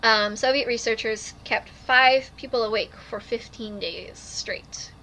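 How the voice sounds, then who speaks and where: Playful podcast co-host with bright voice. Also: female voice, a little high, measured pace, slight background noise. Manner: playful, jokey, repeats catchphrases. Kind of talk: casual podcast chat.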